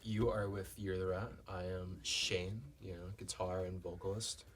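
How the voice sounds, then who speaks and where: Give me a young guy rambling about his band, low-voiced and a bit far from the mic. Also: little pitch movement, measured pace. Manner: chatty, lots of "you know". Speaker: band guitarist and singer, guest. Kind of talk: casual interview storytelling. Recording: off-mic with faint clicks.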